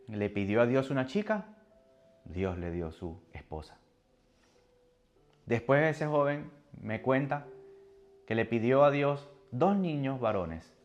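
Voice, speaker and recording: A man preaching a sermon with a personal testimony, animated and moving between soft and loud. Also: medium pitch.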